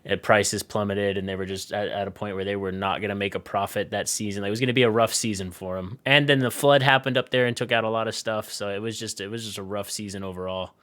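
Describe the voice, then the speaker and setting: A man in his mid-twenties co-hosts a relaxed podcast interview. His voice is fairly low but bright and smooth, and his chat is easygoing and conversational. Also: quick pace, few pauses. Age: 20s. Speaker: co-host.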